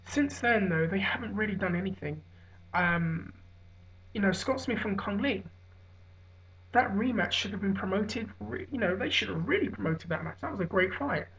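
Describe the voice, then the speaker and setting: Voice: mid-range voice, lively intonation, moderate pace, vocal fry, fairly bright tone. A hungover person giving unscripted opinion commentary on fights, rambling and correcting themselves as they go. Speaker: online MMA commentator. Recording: dull lo-fi audio.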